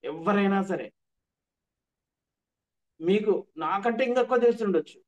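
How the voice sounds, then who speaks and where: A man's voice: high-pitched, normal speed. A man teaching an online workshop, repeating his points with emphasis. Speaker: trainer.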